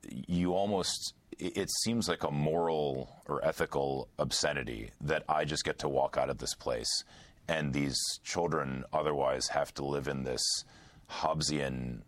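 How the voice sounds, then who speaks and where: A man's voice: a bass voice, measured pace. A man, a trauma surgeon, answering interview questions earnestly, with many fillers and restarts. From United States.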